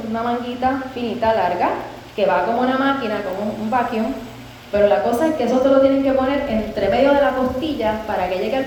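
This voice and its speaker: A woman tells her own story with heartfelt openness and acts out remembered dialogue as she goes. Her voice sits a little high but has a mellow, dark tone. It is recorded in a strongly echoing room with a faint hiss underneath. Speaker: person giving a personal testimony. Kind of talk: heartfelt spoken testimony. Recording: very echoey room with faint background noise.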